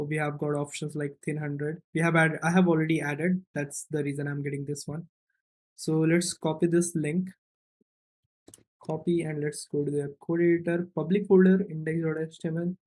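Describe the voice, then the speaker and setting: A coding instructor with a slightly high voice walks through a programming tutorial step by step, improvising and thinking aloud as he goes. He keeps checking in with a short questioning tag.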